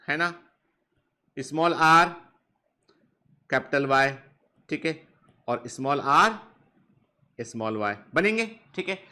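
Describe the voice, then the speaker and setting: A male biology teacher with a high, bright voice leads an online class. He keeps firing questions at his students, repeats each answer, and mixes in joking threats to keep them working. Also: clean tone. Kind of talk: online lecture. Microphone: touchscreen device close up.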